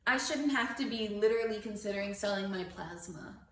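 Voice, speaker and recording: A woman talking in casual chat, animated and playful, laughing often. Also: medium pitch, brisk. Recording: roomy, distant mic, faint noise.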